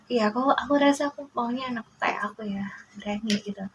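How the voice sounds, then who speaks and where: A woman in her forties, a mother speaking in a casual to-camera monologue, emotional and halting, often addressing her listeners directly, indignant and protective. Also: a little high, a little hiss or hum, rough recording. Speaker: mother sharing a personal story.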